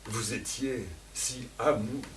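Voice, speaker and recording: A man's voice: medium pitch, fairly even intonation, slow pace, a crowd in the background, natural voice. Elvire, a scorned lover crying out , as a man puts her on. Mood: pleading. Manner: impassioned, cries out in long outbursts. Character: Elvire, a scorned woman lover, desperate and raging. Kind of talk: theatrical stage declamation. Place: theatre stage. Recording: echoey theatre, voice from far off.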